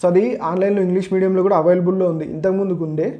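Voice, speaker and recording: Quick, higher-voiced Telangana Telugu man mixing English. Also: steady tone, highs cut off. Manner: mixes Telugu with English words and phrases; explanatory, repeats "okay, so" as a linking phrase. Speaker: exam prep teacher. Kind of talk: informal exam syllabus walkthrough.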